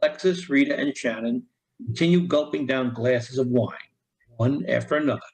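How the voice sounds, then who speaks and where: A man reading the stage directions aloud in an amateur play, with a plain, even delivery. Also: medium pitch, normal speed, creaky, low-quality recording. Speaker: narrator.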